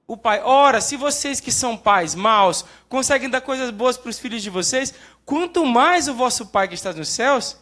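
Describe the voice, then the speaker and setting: A young man with a Brazilian Portuguese accent giving a lively, joking sermon talk at church. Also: very high voice, moderate pace, hardly any pauses. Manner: lively, jokes and acts out quoted prayers. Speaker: church speaker.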